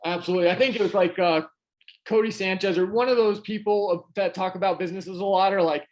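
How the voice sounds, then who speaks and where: A guest on an investing podcast, this man with a fairly high voice talks fast in a steady tone, telling his story casually and conversationally. His chatty delivery is full of "um"s and "you know"s, and he keeps restarting his sentences.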